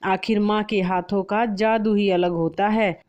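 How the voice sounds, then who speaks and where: A woman's voice: medium pitch, steady tone, measured pace, a little mellow, lo-fi sound, natural voice. A woman voicing a cheerful young husband who admires the cooking.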